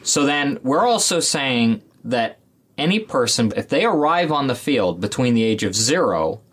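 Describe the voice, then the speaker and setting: A man's voice: medium pitch, sing-song, normal speed, fairly bright tone, husky. A man hosting an interview, guiding with questions and recapping each point. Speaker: interview host. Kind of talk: conversational interviewer.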